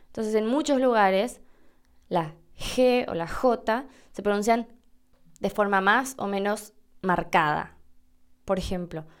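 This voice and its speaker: With a clean, medium-pitched voice and an Argentine accent, this woman from Argentina runs a relaxed podcast on Spanish pronunciation. She chats easily and models each sound on her own.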